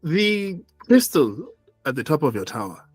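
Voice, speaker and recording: Male tabletop player, husky, animated pitch, dry close sound, in-character talk. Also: unhurried, no echo, faint music behind.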